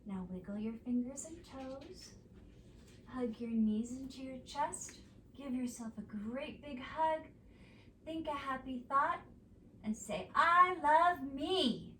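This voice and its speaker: Female kids' yoga teacher, unhurried and sing-song, recorded at a distance in a roomy space. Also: high voice, a little hiss or hum. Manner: gentle, slow, sing-song prompts to children. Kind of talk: guided kids' yoga instruction. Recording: echoey room, mic at a distance.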